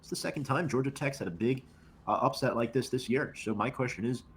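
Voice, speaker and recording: A man's voice: mid-range voice, fast talker, husky. A man co-hosting a casual football talk show, recapping games in a laid-back, offhand way. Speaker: co-host.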